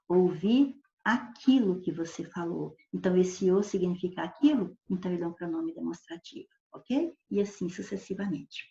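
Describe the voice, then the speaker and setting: A woman teacher talks through a grammar lesson with patience, working through examples and checking in with "right?" as she goes. Her voice is mellow and relaxed. The recording is dull and lo-fi in a roomy, echoey space. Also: medium pitch. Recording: echoey room, dull lo-fi sound.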